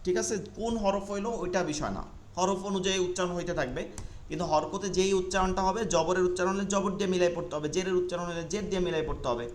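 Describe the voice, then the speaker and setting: A man teaching an online Quran reading class, patiently repeating rules and spelling letters out slowly. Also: high voice, reverberant, slight background noise.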